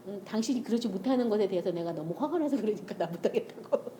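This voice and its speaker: A woman's voice: medium pitch, animated, fast talker, dark tone, slight background noise. A middle-aged woman giving a testimony-style sermon, telling family stories animatedly and acting out the dialogue with frequent laughter. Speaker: church speaker sharing testimony.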